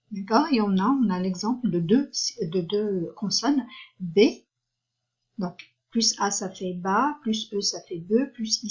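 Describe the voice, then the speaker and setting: Woman teacher, slow careful delivery, slightly husky voice, dull lo-fi recording, patient explanatory lesson. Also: medium pitch. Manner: patient, spells out letters and syllables. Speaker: French teacher.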